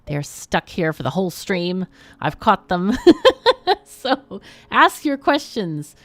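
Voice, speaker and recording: A woman who is a gamer and livestream host chats playfully on a casual gaming stream, commenting on the game, asking her guests questions, and laughing often. Her medium-pitched voice is very animated yet slow, with no echo.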